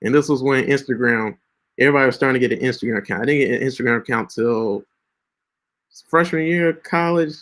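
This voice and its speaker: This late-twenties guy talks fast in a mid-range, slightly bright voice, lecturing casually about social media with plenty of fillers and false starts. The audio comes from a screen-share recording rig.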